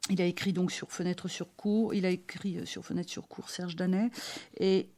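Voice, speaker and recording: A woman's voice: fairly low pitch, little pitch movement, normal speed, a little mellow. Hesitant woman radio host. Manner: hesitant, reads quotations aloud. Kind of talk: talk radio film discussion.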